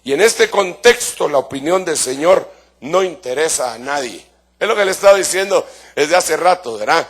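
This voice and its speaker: A male pastor preaching a sermon with fervor. He addresses the congregation as brother and asks rhetorical questions. He swings between soft asides and shouted emphasis. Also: on the high side, expressive, moderate pace.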